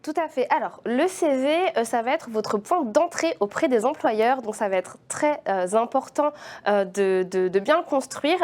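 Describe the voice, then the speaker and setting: A woman recruitment consultant explaining job-search norms in a webinar, measured and explanatory, hesitating at times. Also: a little high, animated, a little mellow. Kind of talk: webinar presentation.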